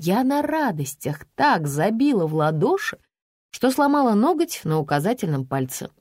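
Lively woman narrating a story. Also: medium pitch, moderate pace, no echo, clean studio sound. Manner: lively, ironic first-person storytelling. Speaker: audiobook narrator. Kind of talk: expressive audiobook narration.

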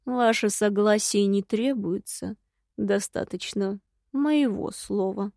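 A woman reading an audiobook voices a calm, commanding dark mage man who speaks slowly and quietly. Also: medium pitch, vocal fry, dry recording, studio quality.

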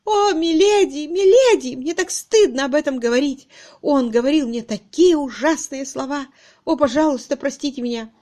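A frightened, tearful spinster in a storybook reading, her voice climbing high and shrill as she sobs and wails, as a woman reader puts her on. She sounds loud and strained, as if near collapse. Every phrase shakes. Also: moderate pace, lightly acted. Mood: tearful pleading. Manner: sobbing, shrill wailing. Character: timid hysterical spinster, tearful and fearful.

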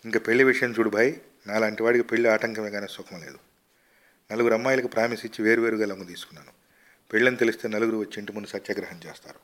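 A boastful rich young man from a storybook, chattering in a breezy, careless way, as a man reads him with a low voice. He sounds spoiled and offhand. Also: fairly even intonation, racing, fairly bright tone, natural voice. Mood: flippant.

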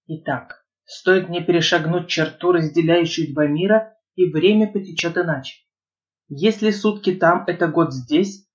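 A woman reading a first-person novel aloud as an audiobook narrator, in a lively, expressive storytelling manner. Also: fairly low pitch, lo-fi sound.

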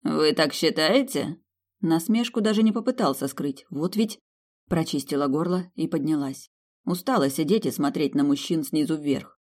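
Woman narrator, low voice, ironic lively first-person reading of a fantasy romance. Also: normal speed. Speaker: audiobook narrator.

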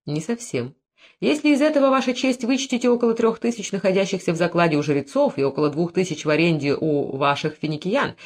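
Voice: medium pitch, lively intonation, fast, lightly acted. A reader doing a hot-tempered proud prince. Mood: indignant. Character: proud, quick-tempered male Phoenician prince. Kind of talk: audiobook character reading.

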